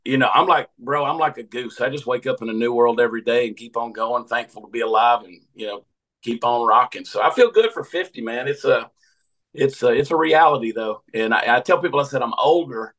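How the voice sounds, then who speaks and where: A man's voice: mid-range voice, brisk, fairly bright tone, poor audio. A man of fifty with a Southern American accent, a comedian telling folksy, joking stories in a rambling casual chat. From Georgia, USA. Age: 50s. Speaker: comedian and podcast host.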